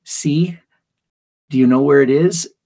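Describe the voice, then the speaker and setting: A man's voice: fairly high pitch, takes it slowly, creaky, dark tone, full character voice. A man voicing an upset five-year-old girl in a raised, childlike, pleading delivery. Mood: excited.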